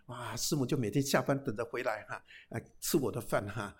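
A middle-aged man, a pastor, giving a humorous sermon, telling lively anecdotes peppered with casual tag particles and English phrases. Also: medium pitch, brisk, husky. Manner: lively storytelling with frequent "哈" tags and English phrases.

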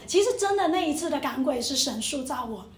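A young woman with a high voice tells her testimony from the pulpit. She is emotional and vivid, slipping into the voices of the people in her story. The room is echoey. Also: lively intonation, brisk. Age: young adult. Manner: emotional storytelling, acting out quotes. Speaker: preacher. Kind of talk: testimony sermon.

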